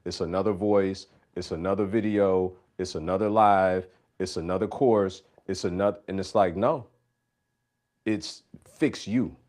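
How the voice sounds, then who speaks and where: Male host, low register, emphatic faith-based coaching delivery. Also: steady tone, normal speed, few pauses, darkish tone. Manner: emphatic, repeats key phrases. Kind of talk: live Q&A talk.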